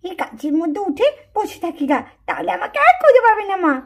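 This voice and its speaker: Brief: woman as sulky little puppet girl, very high, pleading whine. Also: very animated, fast talker, full character voice. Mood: sneaky, hushed. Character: whiny stubborn little girl faking illness. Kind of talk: puppet-show cartoon voice.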